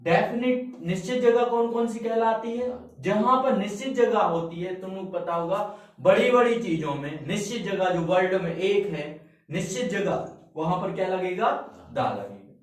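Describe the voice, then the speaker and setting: A man teaching an English grammar lesson in a classroom, slowly repeating points and quizzing his students with questions. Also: high-pitched. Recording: echoey room, mic far off.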